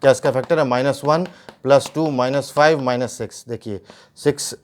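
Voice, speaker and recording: A male math teacher speaks a little fast, his medium-pitched voice fairly even in intonation, with slight background noise in the clip. At the whiteboard he explains the steps, asks rhetorical questions, and mixes in English math terms.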